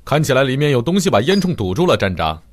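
A man voicing a cheerful, capable firefighter in a children's cartoon, expressive and reassuring. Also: medium pitch, fast talker. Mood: helpful. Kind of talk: animated children's cartoon dub.

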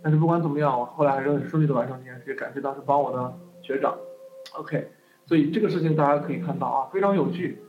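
A man lecturing, telling a personal story in an animated way and often tagging his sentences with "OK". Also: a little high, rapid-fire. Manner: animated, peppers speech with "OK". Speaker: lecturer on going abroad. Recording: phone-like narrow band with faint music.

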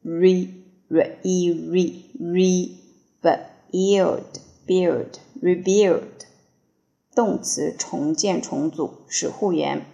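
A woman's voice: medium pitch, creaky, mellow, muffled recording. A woman teacher reading English vocabulary for dictation, spelling and repeating each word before giving its meanings.

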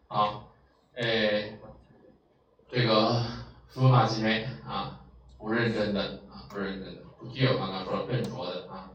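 Guy teaching a language lesson, lots of "ah" fillers, kinda far from the mic, faint noise behind. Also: on the low side. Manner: lively, drawn-out explanations with many fillers. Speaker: Japanese vocabulary teacher. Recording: echoey room from a distance.

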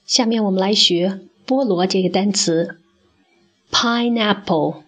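In a scripted phonics lesson, a woman with a mid-range, slightly bright voice teaches English pronunciation. She talks slowly and with care, modeling each sound so the listener can repeat it.

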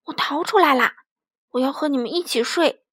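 Brief: timid frightened little boy, high voice, dry close sound, woman voicing him. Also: moderate pace, a bit bright, no echo. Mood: whispering. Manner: timid, stammering.

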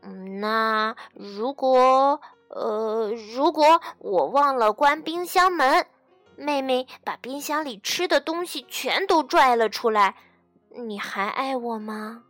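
A woman's voice: high voice, animated, slow pace, a bit bright, no room sound, faint music behind, exaggerated voice. A woman voicing an eager, anxious little girl in a bedtime storybook, asking pleading questions in a childlike way.

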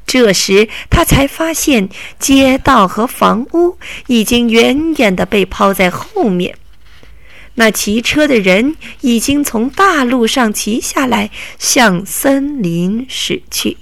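A woman reading a children's story aloud, narrating slowly and deliberately. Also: fairly high pitch, animated, gravelly, no echo.

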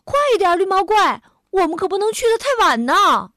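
Give me a kind, eager little boy, as a woman storyteller puts him on. The voice is high and animated, close and dry, and he urges his friend along with lively excitement. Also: fairly quick, no room sound, exaggerated voice. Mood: eager bright. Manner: bright, excited, coaxing.

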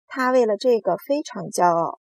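A woman voicing a kind, gentle female ladybird in a storybook reading. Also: medium pitch, expressive, normal speed, dry recording, natural voice. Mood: kindly.

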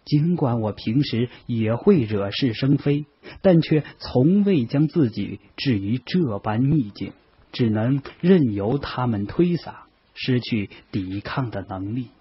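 A man calmly narrating a novel in the first person. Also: mid-range voice, husky. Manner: calm, measured storytelling. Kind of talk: audiobook narration. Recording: dull lo-fi audio.

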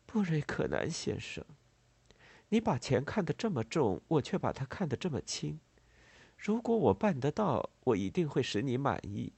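A man voicing a ruined widow who speaks in a quiet, restrained, cool manner. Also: mid-range voice, sing-song, moderate pace, gravelly, slightly rough, no room sound, full character voice. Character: ruined noble widow, dignified and weary.

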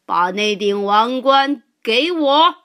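Lady playing a big blustering giant in a kids story, drawn out roars, lively voice. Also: mid-range voice. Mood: menacing. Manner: roaring boasts, slow and menacing. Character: huge bullying male giant, a mama's boy.

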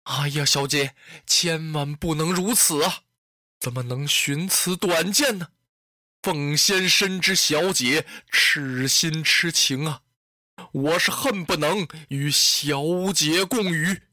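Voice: medium pitch, slow pace, bright, forceful tone, dry recording, clean studio sound. A storyteller playing a hot-headed lovestruck general. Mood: pleading. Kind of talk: traditional storytelling.

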